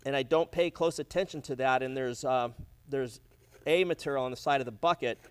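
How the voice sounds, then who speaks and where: This middle-aged man, a flooring demonstrator, talks through his work in an instructional demo inside a big warehouse, often stumbling over fillers and starting sentences again. He has a smooth, mid-range voice.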